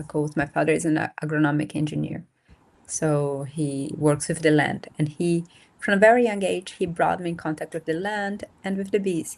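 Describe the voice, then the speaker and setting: This guest, who founded a nonprofit, speaks in a low-sitting, darkish voice. A woman in her thirties from northern and northeastern Brazil and a native Portuguese speaker, she talks casually in an interview over a remote video call, thoughtful and searching for words with frequent pauses and fillers.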